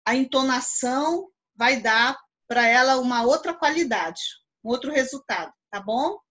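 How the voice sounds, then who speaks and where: A woman's voice: sits high, lively intonation, normal speed, a bit bright. A Brazilian Portuguese woman teaching philosophy over a video call, explaining patiently and checking understanding often. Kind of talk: live online class.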